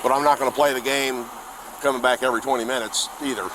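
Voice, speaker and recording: Fast-talking police officer on body cam. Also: male voice, medium pitch, fairly even intonation. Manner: chatty, explains things in a rush. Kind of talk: on-duty conversation on body cam. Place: outdoors on a street by a bank. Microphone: body camera. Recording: body cam with faint street noise.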